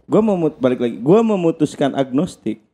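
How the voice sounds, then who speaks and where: Blunt higher-voiced man with slang. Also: sing-song, fairly quick, mellow. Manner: blunt, swears casually, laughs mid-sentence. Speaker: podcast guest. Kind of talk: casual podcast conversation.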